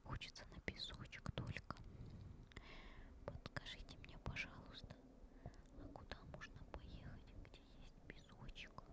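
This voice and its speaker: A woman softly whispering casual, personal ASMR chat in a tender, caressing, breathy way, as host to her listeners.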